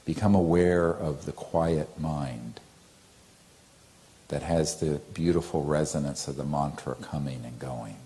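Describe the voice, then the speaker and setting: Chanting a mantra in a drawn-out tone, a man with a rumbling low voice leads a guided meditation. His delivery is soft and gentle, broken by long pauses.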